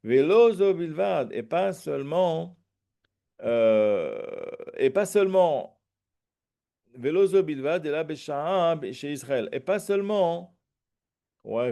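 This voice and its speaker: Man, rabbi, Talmud lesson, gravelly, mellow tone, hesitant fillers. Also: on the high side. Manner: reads a phrase then translates and explains it. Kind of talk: Talmud lesson, reading Aramaic then translating.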